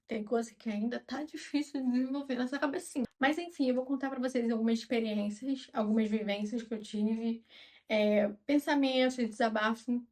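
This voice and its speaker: A woman in her twenties with a Brazilian Portuguese accent, chatting calmly and openly to her viewers like a friend. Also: fairly high pitch, moderate pace. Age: 20s. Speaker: vlogger. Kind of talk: casual chat to camera.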